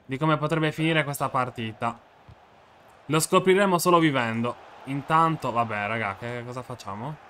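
Excitable young man with a sore throat. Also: mid-range voice, normal speed. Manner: swings from muttering to shouting at goals. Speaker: gaming video creator. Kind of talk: excitable football game commentary.

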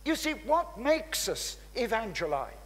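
A man in his seventies preaches with fervent, emphatic conviction, his voice set unusually high and swinging widely in pitch. He speaks into a handheld mic, and his words ring out with the long reverb of a big church hall. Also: big pitch swings, unhurried, a bit bright. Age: 70s. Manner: fervent, emphatic, exclaiming hallelujah. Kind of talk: sermon in English, interpreted line by line. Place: large church hall with audience.

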